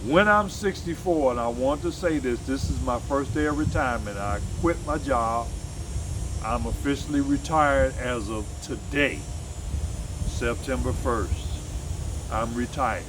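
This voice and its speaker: Unhurried and mid-range, this man's voice comes through a noisy background. An American vlogger and musician in his sixties, he talks alone in a casual vlog about his life, wandering off topic, correcting himself, and punctuating it with blunt, emphatic asides.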